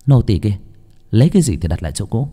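A man's voice: on the low side, sing-song, fast, warm tone, slightly rough. A man voicing a stern, commanding young noblewoman who speaks coldly and mockingly. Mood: stern threatening.

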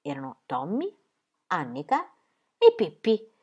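A woman reading a children's book aloud in a lively, expressive manner. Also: takes it slowly, husky. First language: Italian. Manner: expressive, with rises and falls in pitch. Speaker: storybook reader.

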